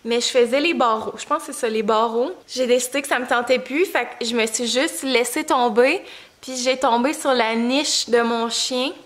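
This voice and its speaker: A young woman with a Quebec French accent and a fairly high voice talks to her vlog audience. Her delivery is informal and chatty, like telling everyday stories. Her articulation is slightly crooked, as with a freshly bitten, swollen tongue. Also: moderate pace, fairly bright tone. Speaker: vlogger and mother. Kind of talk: casual vlog chat.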